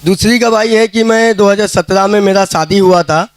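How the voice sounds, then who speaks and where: High-voiced man telling his story plainly. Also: fairly even intonation, normal speed, no room sound, faint music behind. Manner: plain storytelling, often acting out quoted dialogue. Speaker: testimony giver at a prayer meeting. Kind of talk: casual spoken testimony. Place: prayer hall.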